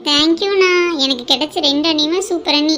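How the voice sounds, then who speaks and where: A cheeky younger sister in a cartoon who gushes and teases, played by a woman. Her voice is high and eager. Faint background noise is present. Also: fast talker. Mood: gushing. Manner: excited, teasing. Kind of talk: cartoon voice acting.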